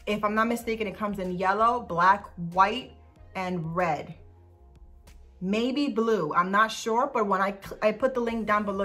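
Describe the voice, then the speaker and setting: This young woman's mid-range, slightly bright voice carries a casual vlog where she displays dog clothes. She gushes throughout and sometimes coos, keeping the product review relaxed.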